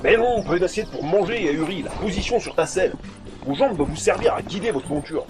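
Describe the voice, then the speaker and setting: A man acting as an excitable, bossy adventurer in a fantasy audio saga, speaking in emphatic slang. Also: sits high, fast talker. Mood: bossy, impatient. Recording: music under the voice.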